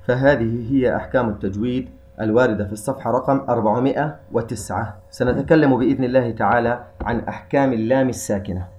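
Guy teaching tajweed, calm and methodical, slows right down when he recites. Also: mid-range voice. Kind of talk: explanatory tajweed lesson.

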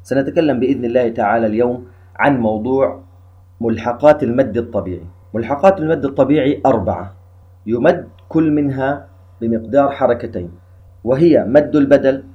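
A man teaching a lesson on recitation rules, explaining each step slowly and chanting the verses he cites. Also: mid-range voice, mellow.

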